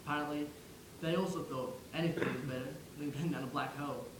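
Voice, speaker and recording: This theatrical monologue features a man as the ghost of a young English WWI soldier, wistful yet wry, speaking conversationally to the listener with light acting. He talks fast in a steady voice on the high side, recorded in an echoey room with background noise.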